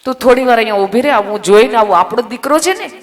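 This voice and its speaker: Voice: mid-range voice, lively intonation, fast, natural voice. A storyteller playing an anxious old father. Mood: reassuring. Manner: soothing, reassuring his wife. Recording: echoey hall, faint music.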